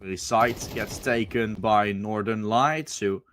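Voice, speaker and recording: A man's voice: fairly low pitch, steady tone, takes it slowly, fairly bright tone. A man doing live esports commentary as a caster, calling the play in short, clipped phrases.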